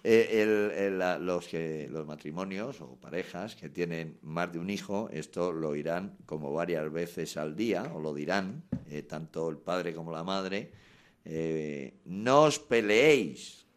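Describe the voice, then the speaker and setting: A male radio host with a very low voice chats with his guest. He prompts her with everyday family situations and throws in bossy parent commands. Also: a little slow, clean tone. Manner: chatty, acts out stern parent orders. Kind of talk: conversational radio interview.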